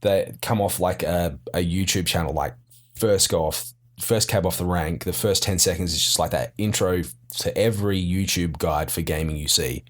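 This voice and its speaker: A man's voice: sits low, normal speed. A man with an Australian accent chatting casually on a podcast, laid-back, rambling and self-mocking. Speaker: podcast guest. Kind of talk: casual chat.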